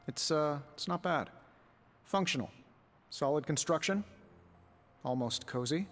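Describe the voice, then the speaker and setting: An actor playing a wisecracking, nervously friendly superhero inventor in a game, with a glib, rambling, self-deprecating manner. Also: male voice, fairly high pitch. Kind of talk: casual game dialogue.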